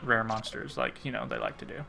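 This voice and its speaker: A man's voice: lowish voice, wildly swooping pitch, a little fast, creaky, background noise. A man chatting casually with a friend during a game stream, laughing often and using lots of fillers. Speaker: co-host friend. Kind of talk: casual gaming chat.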